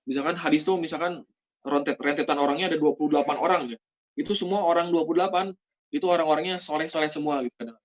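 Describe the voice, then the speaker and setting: A man teaching Quran reading in a casual lesson, explaining patiently and drawing out example recitations slowly. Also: a little high, steady tone.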